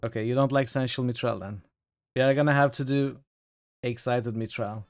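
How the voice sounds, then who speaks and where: A man's voice: medium pitch, fairly even intonation, normal speed, slight background noise. A man chatting playfully with his livestream viewers through a headset mic, joking about himself. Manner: playful, self-mocking banter. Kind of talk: casual livestream chat with viewers. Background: game music.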